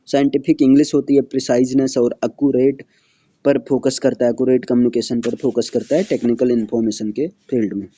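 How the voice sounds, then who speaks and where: A male teacher walks through his slides in a lecture, going over each definition twice and checking in with "clear hai?" again and again. His voice is dark and mellow, and he slows down to spell out the English terms. The recording is dry and a little dull. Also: mid-range voice, fairly even intonation, no echo.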